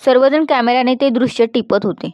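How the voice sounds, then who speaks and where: A woman's voice: a little high, no room sound, highs cut off. Woman narrating an audiobook love story. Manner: even, measured storytelling.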